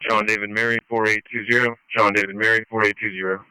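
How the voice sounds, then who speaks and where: A man with a low, bright voice talks like an officer on police radio. He gives short, clipped calls in radio procedure, and the sound is clear. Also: flat delivery, quick pace, dry recording, poor audio. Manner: spells out plates with phonetic names and single digits.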